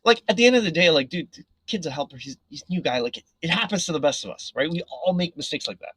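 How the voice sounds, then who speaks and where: Male podcast guest; husky, animated storyteller; dry close-mic sound. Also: a little high, fast, no echo, poor audio. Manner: animated, filler-heavy, frequent "right?". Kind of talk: casual storytelling.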